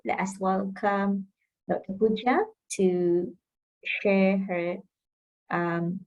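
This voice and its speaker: A woman moderating a webinar, reading a formal speaker introduction over a video call, halting with "um" and "uh". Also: medium pitch, darkish tone, muffled recording. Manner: halting, reads with fillers.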